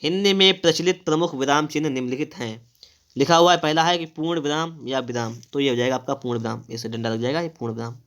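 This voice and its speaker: A man with a slightly raised pitch runs an exam-prep grammar lesson. He reads out rules, then breaks each one down by asking a question and answering it himself. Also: quick pace, fairly bright tone. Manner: explains step by step, asks and answers his own questions. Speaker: Hindi grammar teacher.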